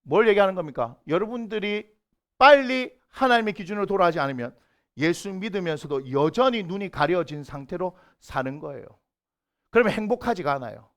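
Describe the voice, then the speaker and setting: High-voiced, animated male pastor preaching. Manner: lively, asks the congregation questions, acts out quoted voices. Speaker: senior pastor. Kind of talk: sermon. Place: church sanctuary.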